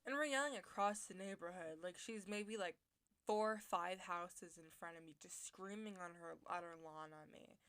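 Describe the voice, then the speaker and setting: A woman's voice: fairly low pitch, moderate pace, a bit bright, clear, resonant tone. A teenage girl telling a rambling personal story with many fillers, as a voice-over for a building video. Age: teens. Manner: rambling, many likes and you knows. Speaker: vlogger.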